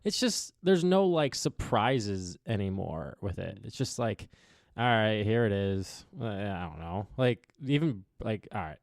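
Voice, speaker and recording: A man's voice: fairly low pitch, big pitch swings, measured pace, creaky, few pauses, a little mellow, dry recording, studio quality. A man hosting a casual podcast on a headset in an apartment, rambling with lots of "like" and trailing thoughts. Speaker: podcast host. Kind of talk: casual chat.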